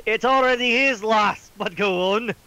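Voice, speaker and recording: A man's voice: high-pitched, measured pace, sharp tone, clean tone, muffled recording, pitched above the performer's own voice. A man voicing a jaunty Irish cook in a tabletop role-playing game.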